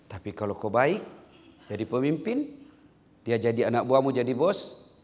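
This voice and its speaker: A man giving a lively, humorous sermon, jumping up in pitch for punchlines and now and then breaking into song. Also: moderate pace. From Indonesia. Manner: animated, jumps high in pitch for punchlines, sings snatches of songs. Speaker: preacher. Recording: hall reverb.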